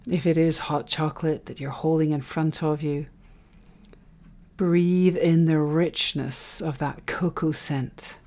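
Female meditation guide, soft and soothing, deep-toned and very slow, for a relaxation breathing exercise. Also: steady tone. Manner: soft, soothing, unhurried delivery with breathy phrase endings.

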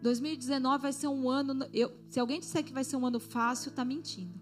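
A woman's voice: high-pitched, fairly even intonation, fast talker, faint music behind. A woman pastor preaching a sermon to a congregation, exhorting them and asking for their response.

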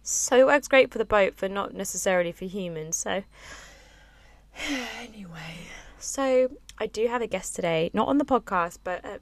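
Recorded with no room sound in a cramped spot aboard a boat, a young podcast host talks alone in a loose, chatty ramble full of sighs and fillers. A late night has left her voice lower and slightly husky.

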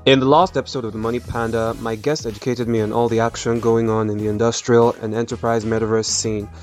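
A man's voice: mid-range voice, flat delivery, quick pace, faint music behind. A man hosting a podcast, reading a scripted intro, then introducing his guest with some rambling fillers. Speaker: podcast host.

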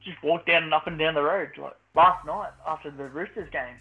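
A man's voice: on the high side, brisk, phone-quality sound, soft background music. An Australian man chatting casually in a blokey, laid-back tradesman manner. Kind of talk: casual chat.

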